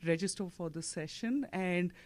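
A woman on a discussion panel, friendly and steady, offering suggestions into a handheld mic. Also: fairly low pitch, normal speed. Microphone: handheld microphone.

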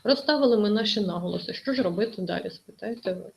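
A woman's voice: mid-range voice, quick pace, gravelly, darkish tone, poor audio. A woman teaching an online exam-prep lesson, explaining carefully with many hesitations.

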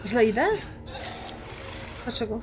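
A woman's voice: fairly high pitch, steady tone, takes it slowly, over loud music. A woman casually commenting on her game for viewers, chatty and often confused about where to go. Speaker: gaming streamer. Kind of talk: casual let's play commentary.

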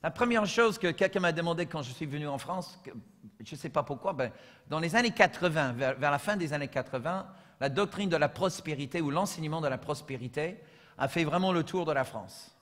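A high, bright-voiced American man preaches a sermon in a church with a long echo. He moves from quiet, humorous asides to loud, shouted lines. His accent carries through every phrase. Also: expressive, a little fast. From United States. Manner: humorous storytelling. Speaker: pastor.

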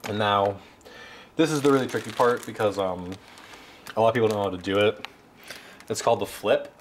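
In a home kitchen, a twenty-something man runs a joke cooking segment, speaking in a lowish voice with a halting, deadpan delivery. The sound comes from a camera mic held by another person close by, so it's noisy with room noise.

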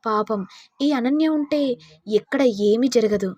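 A woman's voice: fairly high pitch, measured pace, a little mellow, no echo. A woman voicing a jealous, scheming young sister-in-law with mocking, sly asides.

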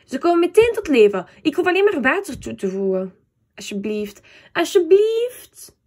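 A woman voicing Terry, an excitable and dreamy young man in a storybook, who talks high, fast and pleading.

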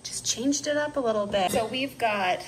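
A woman's voice: on the high side, animated, moderate pace, a little hiss or hum. A woman in her thirties gives a chatty, upbeat how-to walkthrough while working in her home kitchen, talking into a phone held at arm's length. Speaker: DIY homemaking vlogger. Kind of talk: casual how-to narration. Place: home kitchen and laundry room.

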